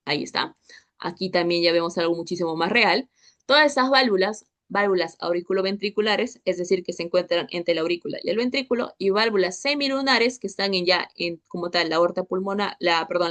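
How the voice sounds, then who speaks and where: Young female tutor, chatty, keeps asking "ok?", mid pitch. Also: a bit bright. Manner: chatty, checks in with constant "¿ok?" and "¿listo?". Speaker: histology tutor. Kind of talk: online class lecture.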